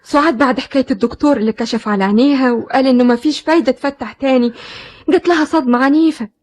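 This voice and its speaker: An actress playing a kind young teacher who pleads gently, with an Egyptian Arabic accent, in an old film drama. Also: female voice, high-pitched, rapid-fire. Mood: pleading. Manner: pleading, soothing.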